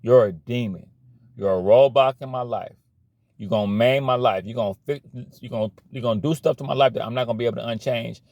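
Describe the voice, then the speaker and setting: A man's voice: mid-range voice, fast, darkish tone, no echo. A man giving a blunt, slangy motivational rant about cutting problem people out of your life, repeating himself as he preaches. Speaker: motivational vlogger.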